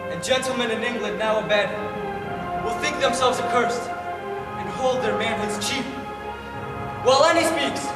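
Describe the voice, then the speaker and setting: An actor playing a young warrior king giving a rousing battle speech, rising to shouts. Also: sits high. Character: young warrior king rallying his troops. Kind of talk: Shakespeare stage acting. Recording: echoey stage recording from far off, with music.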